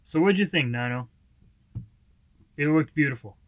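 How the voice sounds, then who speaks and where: A man's voice: a little high, lively intonation, no echo. Young man chatting on a dry webcam. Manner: chatty, reflective, drawn-out phrasing. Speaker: reaction video host. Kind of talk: casual reaction chat. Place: small indoor room with posters.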